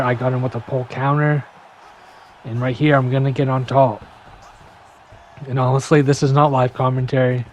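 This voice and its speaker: A man's voice: mid-range voice, a little mellow, a little hiss or hum. Casual young man breaking down gameplay. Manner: casual, filler-heavy, talks fast to keep up. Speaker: gaming YouTuber.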